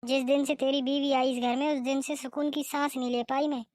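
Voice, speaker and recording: A woman's voice: sits high, level tone, fairly quick, darkish tone, no echo, studio quality, lightly acted. A woman voicing a strict, scolding middle-aged mother-in-law in a cartoon, nagging and complaining. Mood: indignant. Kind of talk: cartoon voice acting.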